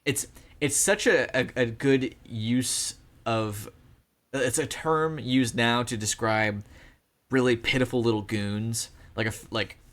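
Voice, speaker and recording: A man's voice: medium pitch, fairly even intonation, slow, fairly bright tone. A man co-hosting a casual movie podcast, talking in a loose, rambling way with restarts and repeated words. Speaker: podcast co-host.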